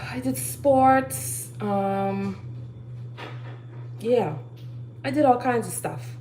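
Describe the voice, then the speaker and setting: A woman's voice: on the high side, very slow, mellow, slight background noise, rough recording. Preachy woman in her thirties. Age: 30s. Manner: preachy, urging, repeats key phrases. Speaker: live streamer. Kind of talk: casual live-stream monologue giving life advice. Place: home kitchen while cooking.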